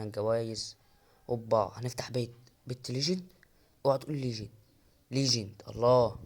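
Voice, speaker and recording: A young man with an Egyptian Arabic accent giving excited, joking gameplay commentary, counting reps aloud and talking straight to his viewers. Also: medium pitch. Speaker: gaming YouTuber.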